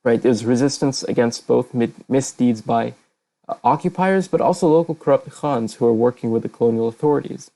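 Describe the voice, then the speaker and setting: Over an online voice channel, a man whose first language isn't Kazakh gives a casual slide lecture, hesitating with many fillers and self-corrections. His medium-pitched voice is creaky and mellow and fairly quick, and the recording quality is low.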